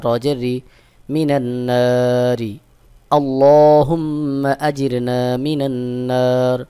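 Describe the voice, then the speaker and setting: Man, Quran teacher, smooth resonant voice, mid pitch, letter-by-letter spelling then drawn-out chanting. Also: darkish tone. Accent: Bangladeshi Bengali. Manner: slow drawn-out chanting of each joined word after brisk spelling. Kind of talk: spelling out Arabic letter by letter for learners.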